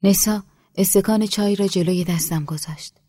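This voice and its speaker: A woman audiobook narrator reading a literary novel in a calm, measured, low-key voice. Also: no room sound. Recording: dry close studio.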